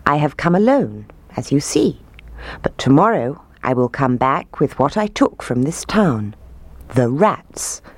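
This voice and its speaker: A woman's voice: low voice, sing-song, unhurried, no echo, heavily acted. A woman voicing a confident, merry male piper in a children's story, firm and teasing. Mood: calm, firm.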